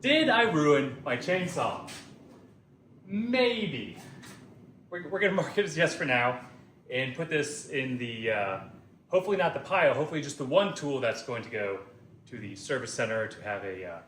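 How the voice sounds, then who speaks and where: A man hosting a casual do-it-yourself vlog, talking to himself with excitable, self-mocking energy as he tests his tools. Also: mid-range voice, normal speed, roomy sound, a little hiss or hum. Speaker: DIY video host. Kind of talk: casual vlog narration while testing tools.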